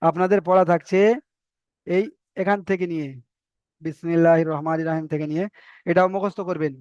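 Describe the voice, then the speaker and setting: Man, Indian Bengali accent, online Quran reading teacher, high smooth voice, patient and repetitive, dry slightly dull recording. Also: fairly even intonation, darkish tone, no echo. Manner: patient, repeats letters slowly with drawn-out vowels. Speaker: Arabic alphabet teacher.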